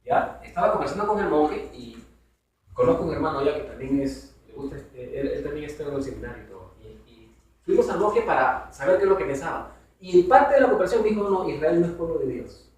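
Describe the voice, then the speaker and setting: A man's voice: on the high side, expressive, brisk, a little mellow. A man teaching a Bible study to a congregation in a conversational way, asking his listeners questions. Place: church hall. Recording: very echoey hall from far off.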